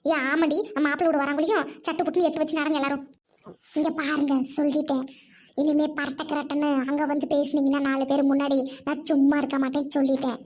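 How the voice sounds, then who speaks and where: A high-pitched, bossy cartoon big sister, voiced by a woman. She scolds and orders everyone around in a loud, sharp voice. She looks after a friend who has no mother. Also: flat delivery, fast talker, natural voice. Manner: scolding, commanding. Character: bossy married woman, the bride's protective older friend. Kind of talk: cartoon voice acting.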